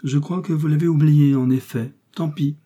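A man's voice: medium pitch, fairly even intonation, normal speed, dark tone, slightly rough, pitched above the performer's own voice, natural voice. A man reading aloud, voicing a tender, anxious young woman with a pleading, trembling manner. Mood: hurt.

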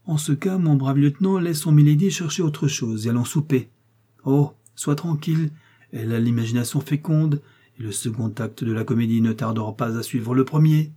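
A man's voice: mid-range voice, normal speed, mellow, slightly rough, voice pushed up, natural voice. A man voicing a scornful nobleman who taunts his prisoner with laughing sarcasm, in an audiobook reading. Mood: taunting. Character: mocking English nobleman, scornful jailer.

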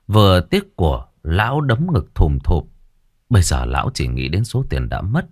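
A man narrating a ghost story in an expressive, dramatic storytelling manner. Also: low voice, dry recording, studio quality.

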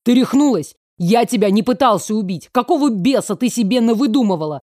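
A woman's voice: a little high, animated, fairly quick, warm tone, no echo, studio quality. A woman voicing a hot-tempered young man, the heroine's brother, who growls and snaps his words in an audiobook. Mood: angry. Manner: growling, snapping.

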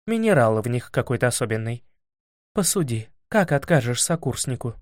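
A man voicing a shrewd grown princess in an audiobook, calm, commanding and lecturing. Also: medium pitch, moderate pace, no room sound, studio quality, voice pushed down, natural voice. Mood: recounting. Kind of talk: audiobook character voice.

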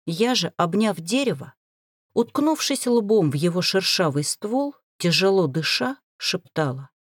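A woman narrating a first-person fantasy novel, expressive storytelling. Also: medium pitch, measured pace, breathy edge, no room sound, studio quality. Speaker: audiobook narrator.

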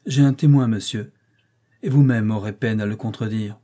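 A man's voice: on the low side, moderate pace, warm tone, lightly acted. A man voicing a firm, persistent lawyer in an audiobook reading.

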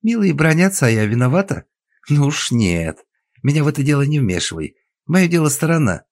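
A man's voice: high-pitched, wildly swooping pitch, fairly quick, vocal fry, darkish tone, breathy edge, pitched above the performer's own voice, full character voice. A man voicing a spiteful, mocking young woman.

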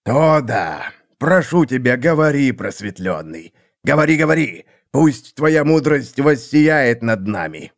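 A man's voice: mid-range voice, very animated, measured pace, few pauses. A man voicing an impatient, imperious male rat-man seer who squeals his demands. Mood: sarcastic.

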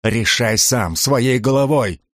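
A man's voice: mid-range voice, slow, fairly bright tone, dry recording, studio quality. A man voicing a young slave fighter who speaks in an urgent, pleading way.

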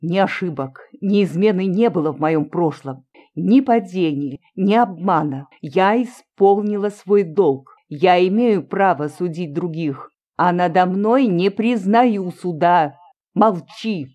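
A proud, unbending woman snaps with haughty indignation in a dark, mellow tone, as an audiobook reader puts her on. She sounds bitter and contemptuous toward her listener. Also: medium pitch, slow pace, muffled recording. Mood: indignant. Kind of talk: audiobook reading.

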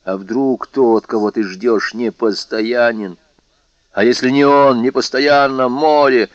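A man's voice: medium pitch, steady tone, slow pace, dry recording, close to an everyday voice. A man reading a poor, jealous young fisherman who speaks earnestly and insistently. The recording is dry and dull. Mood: pleading, jealous.

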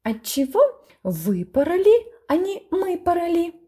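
A woman voicing a cheeky, stubborn schoolboy who pesters with high, wheedling nonsense questions. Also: very animated, unhurried, warm tone, exaggerated voice.

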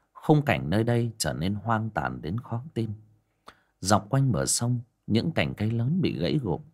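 A man narrating a village horror story in a dramatic, ominous way. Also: fairly low pitch.

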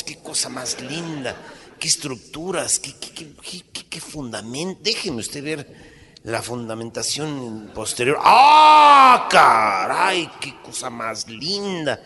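A man playing a flustered, excitable priest who gushes in exclamations. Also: medium pitch.

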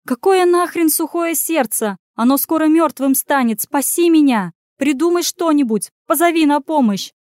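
A woman's voice: on the high side, normal speed, darkish tone, no room sound, clean studio sound, natural voice. Woman voicing a frantic young runaway witch. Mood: panicked. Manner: pleading, sarcastic. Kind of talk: audiobook character voice.

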